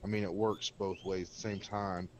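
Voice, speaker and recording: A man's voice: low-pitched, little pitch movement, moderate pace, darkish tone, a little hiss or hum. A man chatting bluntly and rambling on a gaming stream, talking with a cigarette in his mouth. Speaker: game server co-host. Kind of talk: casual gaming stream chat. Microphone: desk microphone by keyboard.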